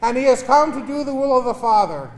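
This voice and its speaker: Guy preaching at mass, really high pitched, deliberate and emphatic, big echoey cathedral sound. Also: lively intonation. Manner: emphatic, deliberate pauses and repetition. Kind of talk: gospel reading and homily. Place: large reverberant church. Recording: cathedral-like echo, long church reverb.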